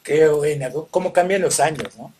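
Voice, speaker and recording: Unhurried Peruvian father reminiscing. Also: a little high, slight background noise. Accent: Peruvian Spanish. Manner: warm reminiscing, unhurried, many fillers. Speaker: podcast host and father. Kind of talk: casual chat.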